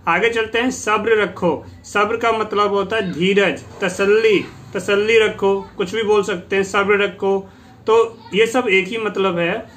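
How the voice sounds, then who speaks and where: Male tutor, fairly high voice, unhurried, repeats every phrase twice, patient classroom manner. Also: steady tone, fairly bright tone, a little hiss or hum. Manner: slow, repeats each phrase twice, drawing out English words; addresses listeners as "beta", explains patiently. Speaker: English teacher. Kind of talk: Hindi-language English lesson.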